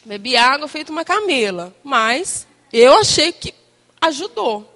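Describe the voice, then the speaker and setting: A woman giving an informal, chatty sermon to a congregation, animated and full of tag questions and quoted asides. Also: high voice, unhurried. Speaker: church speaker addressing women.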